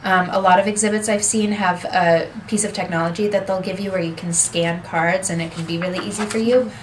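A young adult woman gives a seminar-style workshop in a small office conference room, explaining steadily and gesturing with her hands. Her medium-pitched voice is fairly even and fairly quick. A camera across the room captures her along with some background noise.

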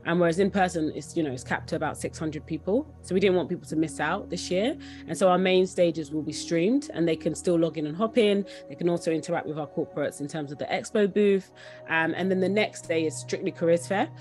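On a video call, a young adult woman who founded a company speaks as an interview guest, keen and conversational, repeating words to emphasize them. Her lowish, slightly mellow voice moves a little fast, and faint music plays behind her.

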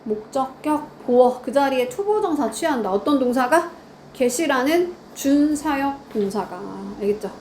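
A woman's voice: high voice, expressive, measured pace, a little mellow, slight background noise. A woman teaching grammar in a lecture, quizzing her students and answering her own questions.

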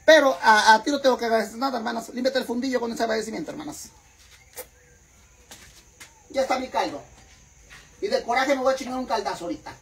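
A man's voice: very high voice, fast talker, gravelly, pauses often, fairly bright tone, poor audio. A man doing a casual vlog rant to his followers, theatrical and profane, eating while he talks. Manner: theatrical, profane, mock-indignant, keeps calling viewers "sisters"; eating on camera while talking. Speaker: vlogger.

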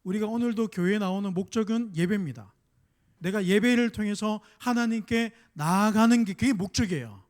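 A middle-aged male pastor preaching a sermon, emphatic, voicing quoted mockers with drama and dropping to a soft, confiding tone for personal stories. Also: high-pitched, brisk. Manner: drops to a soft confiding tone when telling a personal story.

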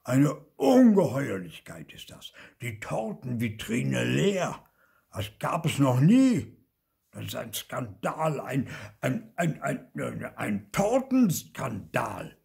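A fat, stern old ghost with a loud, pompous, indignant delivery, as a man puts him on. His voice is husky and rough, and he drags out his words with lively swings in pitch. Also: slow, full character voice.

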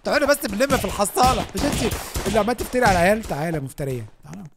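A young man with an Egyptian Arabic accent giving excited gameplay commentary as a gaming YouTuber, often shouting and laughing. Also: high-pitched, rapid-fire, noisy background.

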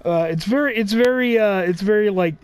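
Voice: medium pitch, a little fast, clear, resonant tone. A person giving casual commentary over a video game. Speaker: gameplay commentator.

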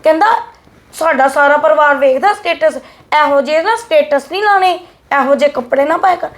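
A woman playing a feisty married elder sister, her voice pitched high and sharp as she scolds and defies her younger brother. She talks back hard, complaining and taunting in a family short-film scene. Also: brisk.

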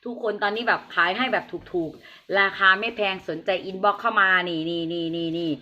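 A woman with an Isan accent doing hyped, chatty live-seller patter, repeating her pitch and addressing viewers in a folksy way. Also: a little fast, sharp tone, dull audio. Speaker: live-stream seller of chillies and farm produce.

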